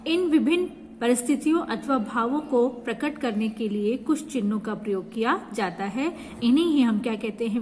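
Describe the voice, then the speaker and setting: A woman teacher explaining a grammar lesson to students, asking herself questions and answering them as she goes. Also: fairly high pitch. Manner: explains step by step with repeated rhetorical questions. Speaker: school teacher. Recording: echoey room with faint background hiss.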